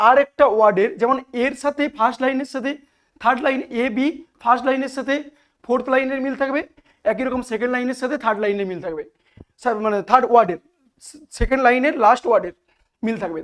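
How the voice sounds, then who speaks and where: A woman's voice: a little high, fast talker. A woman teacher with a Bengali accent giving a lecture, explaining step by step and asking and answering her own questions. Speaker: English literature teacher. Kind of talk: classroom lecture.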